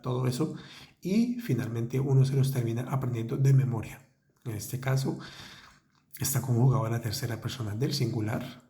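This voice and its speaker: A man teaching French in Spanish in a patient, methodical way. He slows down to model each French word. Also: medium pitch, dark tone. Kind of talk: language lesson.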